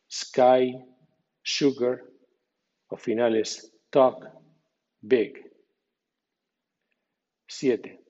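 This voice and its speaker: A man's voice: medium pitch, warm tone, breathy edge. A man giving a scripted pronunciation lesson, carefully demonstrating sounds and example words one at a time. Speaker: pronunciation teacher. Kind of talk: scripted instructional podcast. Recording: dull lo-fi sound with long reverb.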